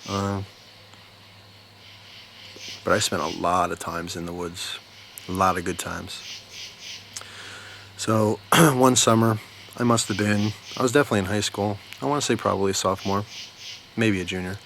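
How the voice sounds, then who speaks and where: Low-voiced American man spinning a casual yarn. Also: fairly even intonation, vocal fry, a bit bright, slight background noise. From New Jersey, United States. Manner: unhurried, informal, emphatic repetition. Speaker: storyteller, video host. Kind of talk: casual rambling storytelling. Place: outdoors at night near bushes.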